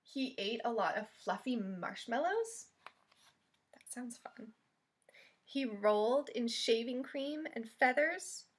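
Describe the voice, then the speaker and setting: In a fairly high voice, a woman shares a picture book with small children as a library storyteller, reading with expression and stopping to quiz them with questions.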